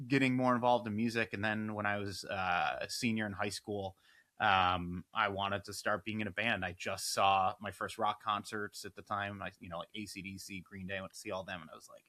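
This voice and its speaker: A man, a filmmaker and musician, telling stories as an interview guest in a lively, rambling way, full of fillers and restarts. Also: on the low side. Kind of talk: casual interview storytelling.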